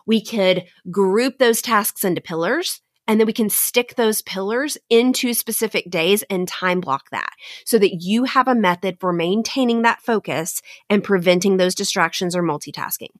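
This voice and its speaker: A woman speaking in an earnest, encouraging tone as she talks straight to her listeners. Her delivery is direct and firm, and she sits at mid pitch for a woman. The recording is close and dry, with no room sound. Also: moderate pace, hardly any pauses, no room sound. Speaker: podcast host and teacher coach. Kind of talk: motivational solo talk.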